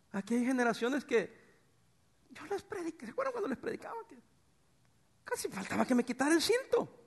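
A middle-aged man preaching a sermon as pastor, swinging between loud bursts and soft, tender passages. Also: very high-pitched, gravelly, breathy edge. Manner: animated preacher, swings from shouts to soft tones.

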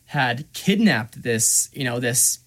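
A man's voice: mid-range voice, takes it slowly. A man on a podcast, retelling a video game quest in casual chat, acting out voices and filling his talk with "like" and "you know". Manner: animated storyteller, acts out voices, many fillers. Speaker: podcast co-host.

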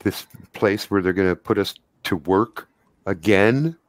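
A man narrates a tabletop game as game master. His voice is fairly low and very clean, with a close, dry sound. The narration is improvised and conversational. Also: unhurried, no echo.

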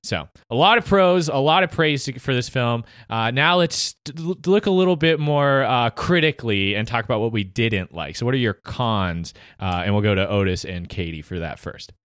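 A man co-hosts a casual movie review podcast, talking in animated quick bursts and laughing often. His pitch sits mid-range for a man. The sound is close and dry. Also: smooth, no echo. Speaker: podcast co-host.

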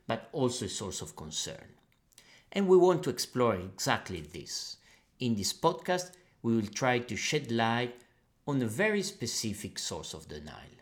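A man hosting a podcast, a lecturer and researcher reading a scripted introduction in a measured way. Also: on the low side. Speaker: podcast host. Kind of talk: scripted narration.

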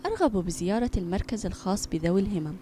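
A woman voicing an eager, hopeful young boy in a children's audio story, with an excited, bright way of talking. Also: mid-range voice, very fast, slight background noise, lightly acted. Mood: gentle.

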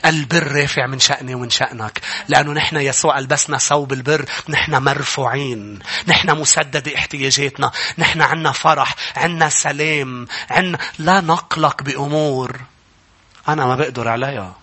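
A middle-aged male pastor with a Lebanese Arabic accent, preaching a sermon that climbs into loud, emphatic passages and calls out for amens. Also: medium pitch, fairly even intonation, brisk, breathy edge.

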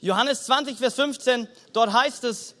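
A man's voice: very high-pitched, measured pace, pushed and bright. A man preaching a sermon to a congregation, talking to them directly and with emphasis. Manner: direct, emphatic, keeps addressing the congregation with "hey". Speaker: pastor. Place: church service before a congregation.

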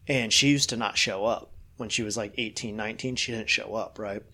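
A man's voice: lowish voice, fairly even intonation, brisk, pushed and bright. A middle-aged man, a fitness coach, chatting casually on a podcast in a rambling, frank way with lots of fillers and the odd swear.

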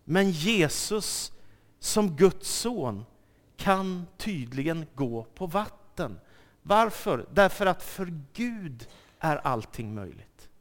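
A man preaching a sermon, telling the story dramatically and swinging from loud quoted lines to soft asides. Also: fairly high pitch, big pitch swings. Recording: long hall reverb.

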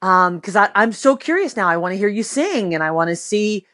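A woman's voice: mid-range voice, big pitch swings, a little fast, a bit bright. Effusive woman hosting a faith talk show. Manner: effusive, emotional, laughs often. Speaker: radio show host. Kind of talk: casual faith talk interview.

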